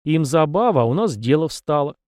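A man's voice: a little high, big pitch swings, a little fast, darkish tone, dry recording, clean studio sound. A man reading an audiobook, voicing a brash, proud young male warrior who speaks curtly and with scorn. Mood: blunt. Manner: scornful, curt.

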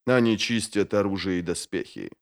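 A man voicing a weary old male mage who talks slowly, low and hushed. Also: expressive, vocal fry. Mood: grave.

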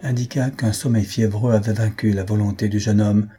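A man calmly narrating a novel as an audiobook reader. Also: on the low side, brisk.

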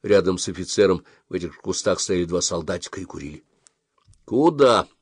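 A man narrating an audiobook in an expressive storytelling manner. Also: deep voice, quick pace, slightly rough, dry recording, studio quality. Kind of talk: scripted narration.

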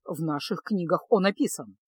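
A woman's voice: fairly low pitch, normal speed, slightly rough, no echo, clean studio sound. Woman doing a grim old royal mage. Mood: grave. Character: grim elderly male royal mage, learned.

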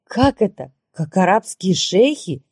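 A woman reading as a lively young woman in love. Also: medium pitch, unhurried, breathy edge, no echo, studio quality, heavily acted. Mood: overjoyed. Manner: pleading, exclaiming.

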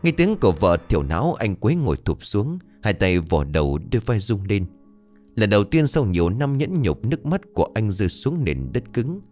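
Lively low-voiced male ghost story narrator. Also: normal speed, soft background music. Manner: dramatic, expressive storytelling.

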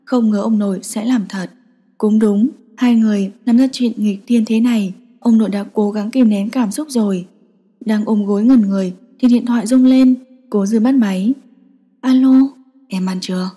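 Dark, husky woman narrating a story. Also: a little high, steady tone, moderate pace. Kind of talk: audiobook narration. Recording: long reverberant echo.

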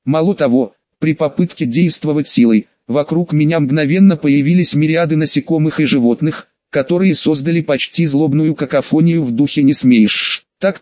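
Guy reading an audiobook, steady even voice, a bit high, dry dull recording. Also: no room sound. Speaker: audiobook narrator. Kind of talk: first-person audiobook narration.

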